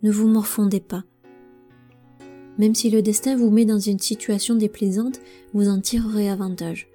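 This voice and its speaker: A woman's voice: mid-range voice, fairly even intonation, moderate pace, dark tone, soft background music, natural voice. A woman voicing a wise older male mentor who speaks in a soothing, reassuring way, in a storybook reading.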